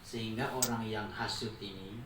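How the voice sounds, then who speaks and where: A man preaching at a memorial gathering, telling lively stories with jokes and acting out dialogue. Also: lowish voice, normal speed. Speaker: Islamic preacher. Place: large room in a private home. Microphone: distant mic. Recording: roomy, distant mic, faint noise.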